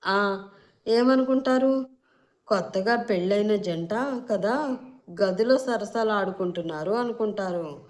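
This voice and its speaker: A woman's voice: mid-range voice, big pitch swings, moderate pace, darkish tone, natural voice. A woman voicing a feisty young bride who gives curt orders and threats. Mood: sarcastic. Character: bossy feisty young bride, sharp-tongued.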